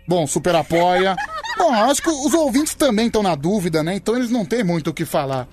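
A man's voice: high-pitched, sing-song, fairly quick, a little mellow. A man hosting a comic radio show, teasing and stalling with playful exasperation.

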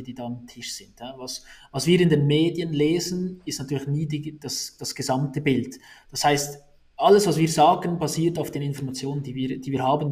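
Guy in an interview, kinda high voice, talks in restarts and repeats himself a lot. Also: a little mellow. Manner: talks in restarts, repeats words while thinking. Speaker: negotiation expert guest. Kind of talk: casual interview answers.

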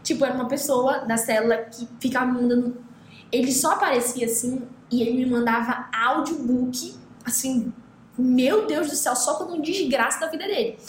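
A woman's voice: high voice, moderate pace. A Brazilian woman co-hosting a casual chat, telling a story and acting out what people said. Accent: Brazilian Portuguese. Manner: animated storytelling, acting out quoted dialogue. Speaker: podcast co-host. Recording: roomy echo, faint noise.

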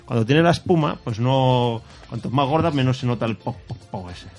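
A man's voice: mid-range voice, normal speed, darkish tone, soft background music. Playful man on a foam-covered studio mic. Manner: playful, teasing, laughs often. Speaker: podcast co-host and father. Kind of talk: casual chat. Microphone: studio microphone with foam windscreen.

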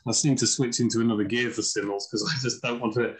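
This chess author, a guest on an informal podcast, is a chatty storyteller who voices the people in his anecdotes. His mid-range voice is quick, slightly rough and fairly even in intonation, and the audio quality is poor.

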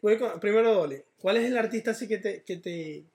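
A man's voice: high-pitched, a little fast, a little mellow. A man hosting a casual podcast chat, playful and rambling as he asks questions. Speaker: podcast host.

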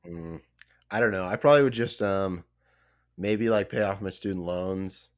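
A man hosting a podcast, relaxed and agreeable, asking questions with plenty of fillers. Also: deep voice, normal speed. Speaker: podcast host. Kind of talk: casual podcast interview.

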